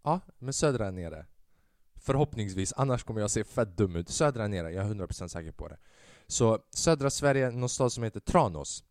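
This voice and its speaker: A man's voice: fairly low pitch, expressive, darkish tone, no echo, clean studio sound. A young man hosting his own podcast, rambling and self-mocking, swearing a lot and dropping English phrases into casual talk. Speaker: podcast host. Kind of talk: casual solo podcast monologue.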